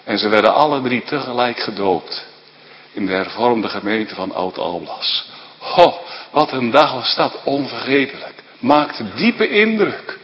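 A man's voice: medium pitch, animated, unhurried, in a large hall, highs cut off. A man pastor giving an earnest, emphatic sermon.

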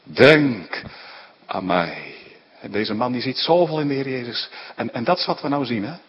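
A man preaching a sermon, emphatic, dropping into hushed near-whispers and rising into fervent appeals, with many tag questions and restarts. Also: medium pitch, fast, husky. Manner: frequent "hè" tags and stumbling restarts. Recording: dull lo-fi sound with long hall reverb.

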